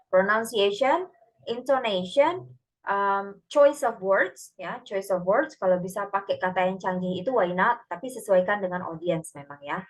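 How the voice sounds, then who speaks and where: A woman's voice: mid-range voice, rough recording. Indonesian-accented woman giving a casual lecture. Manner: code-switches between Indonesian and English, relaxed and chatty. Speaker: English lecturer. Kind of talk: recorded online lecture.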